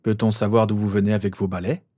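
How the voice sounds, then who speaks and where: A man's voice: medium pitch, lively intonation, brisk, darkish tone, no room sound, clean studio sound, lightly acted. A man voicing a cold, firm father who hands out punishments. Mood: stern.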